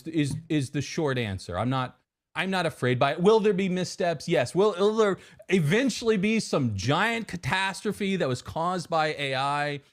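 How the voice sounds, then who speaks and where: A man in his forties, a technology executive guest on a podcast, talking casually with many repeated words and restarts. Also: a little high. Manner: many repeated words and restarts, quotes hype voices mockingly. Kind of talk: casual interview answers.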